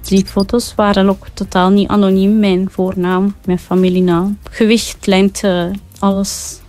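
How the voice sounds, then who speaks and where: A Flemish woman in a recorded interview clip, her voice disguised by pitch-shifting, speaking in a halting way. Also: flat delivery, darkish tone, faint music behind.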